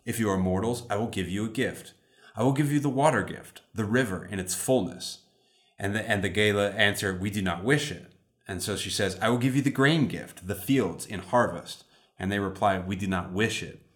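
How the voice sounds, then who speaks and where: Low-voiced man in a roomy echo. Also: normal speed, fairly bright tone. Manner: thoughtful, adds context, frequent "like". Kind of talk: casual conversation explaining mythology.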